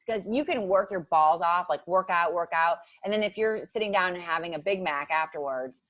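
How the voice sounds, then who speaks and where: On the low side and fairly bright, this woman's voice moves briskly, with no echo. She's in her thirties, from Ohio, USA, and she's a guest on a podcast casually talking nutrition coaching, saying "like" constantly and acting out quotes.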